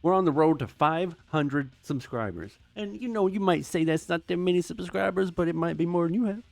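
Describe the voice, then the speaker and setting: A man's voice: fairly high pitch, brisk, gravelly. An American man hosting his own channel, giving rambling, sarcastic casual commentary. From United States. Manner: rambling, sarcastic, self-deprecating. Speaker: YouTube host.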